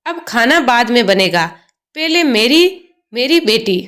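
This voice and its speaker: A woman voicing a young mother who is protective and resolute and speaks calmly but firmly. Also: a little high, measured pace. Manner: calm, resolute, pleading.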